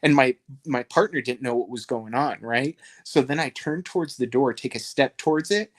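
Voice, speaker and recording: A man's voice: mid-range voice, normal speed. Casual male podcast guest telling stories. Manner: rambling storyteller, acts out voices in anecdotes. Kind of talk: casual chat.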